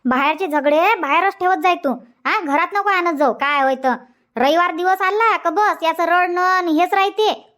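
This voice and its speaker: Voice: very high-pitched, normal speed, pushed and bright. An actor voicing a fussy, nagging village grandmother in a cartoon comedy, speaking with a Vidarbha Marathi accent and repeating her questions as she chides.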